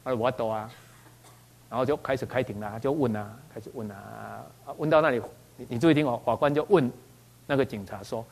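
A man with a Taiwanese Mandarin accent, a doctor telling a personal story in an animated way, often repeating words as he goes and slipping into Taiwanese phrases. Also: medium pitch, a little fast, creaky. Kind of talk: spoken personal anecdote.

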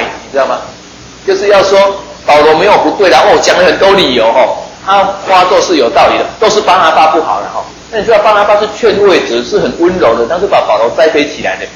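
A man's voice: fairly high pitch, sing-song, quick pace, echoey room, low-quality recording. A man preaching a sermon in a chatty, joking way, often putting questions to his listeners.

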